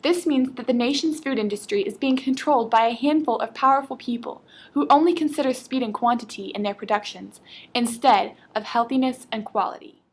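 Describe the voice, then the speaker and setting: A woman's voice: a little high, brisk, slightly rough. A woman presenting a scripted infomercial in an earnest read-aloud delivery.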